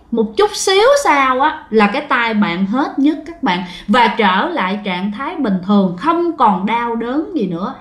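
High-voiced woman telling a ghost story. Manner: conversational, addresses listeners often, acts out the family's lines. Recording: echoey room.

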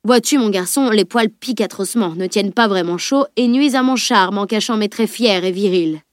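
A woman's voice: mid-range voice, fairly quick, no echo, lightly acted. A woman reading aloud and voicing a boastful, vain male knight who grumbles when offended.

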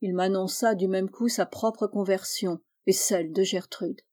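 Mellow woman reading a novel aloud. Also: mid-range voice, steady tone, unhurried. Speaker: audiobook reader. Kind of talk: literary audiobook narration.

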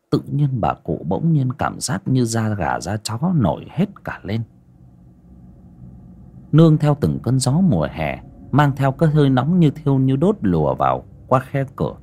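A man narrating a ghost story in an expressive storytelling way. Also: mid-range voice, measured pace, slightly rough. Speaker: audiobook narrator.

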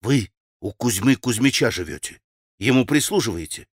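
A man voicing a desperate, frantic strong young man who pleads and shouts in an audiobook. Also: medium pitch, animated, normal speed, slightly rough, dry recording, clean studio sound. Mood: urgent. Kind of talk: audiobook character voice.

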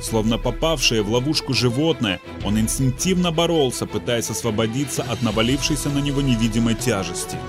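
A man reading an audiobook in a measured, suspenseful narration style. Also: medium pitch, music in the background. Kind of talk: dramatic scripted narration.

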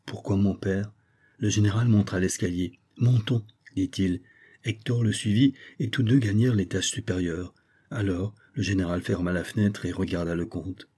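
A man reading a classic novel aloud in a measured, plain way. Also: deep voice, fairly even intonation, dark tone, slightly rough. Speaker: audiobook narrator.

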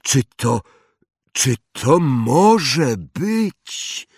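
A man voicing an old innkeeper who speaks slowly in a hushed, awed voice. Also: mid-range voice, sing-song, slightly rough, no room sound, studio quality, voice pushed up, heavily acted. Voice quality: slow, hushed.

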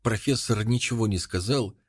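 A man narrating a story in an even, measured reading voice. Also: fairly low pitch, slightly rough, no echo, studio quality. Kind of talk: audiobook narration.

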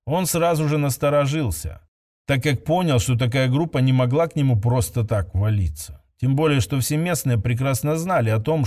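A man reading a science-fiction story aloud as narrator, steady and even. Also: mid-range voice. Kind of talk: scripted audiobook narration.

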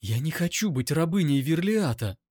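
Storybook heroine: a defiant young wolf-woman with a high, strained voice, put on by a male narrator. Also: very animated, very slow, a little mellow, no room sound, clean studio sound, full character voice. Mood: pleading.

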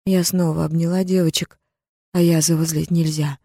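A woman narrating a story in the first person with a tense, steady dramatic reading. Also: deep voice, moderate pace, no room sound, clean studio sound. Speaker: audiobook narrator.

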